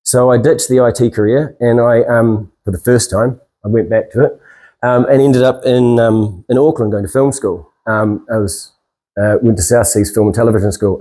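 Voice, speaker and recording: A middle-aged New Zealand man gives an informal inspirational talk. His accent is Kiwi and his voice is soft-edged and mellow. He speaks in a rambling, self-deprecating way, feeling for his words as he goes. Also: mid-range voice, low-quality recording. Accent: New Zealand, with Maori greetings. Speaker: speaker and stand-up comedian.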